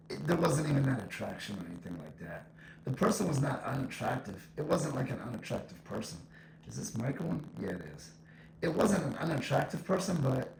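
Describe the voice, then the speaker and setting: A man with a medium-pitched voice and vocal fry delivers a casual, conversational opinion monologue, repeating his points for emphasis. An echo effect is on his voice, along with faint noise.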